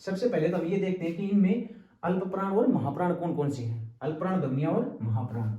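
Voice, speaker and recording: A man teaching an exam-prep lecture, patient and repetitive, often pausing to check in with his listeners. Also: sits high, warm tone, lo-fi sound. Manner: patient, repeats terms and checks in with "ठीक है". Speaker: Hindi teacher. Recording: roomy, distant from the mic.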